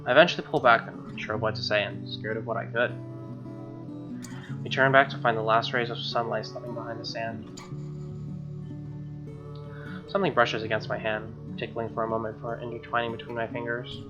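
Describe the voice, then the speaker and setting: Reading game text aloud, a young man hosts a let's play with slangy, irreverent commentary, speaking a little fast with frequent pauses. His mid-range voice is flat, and a dull lo-fi mic captures guitar game music behind him.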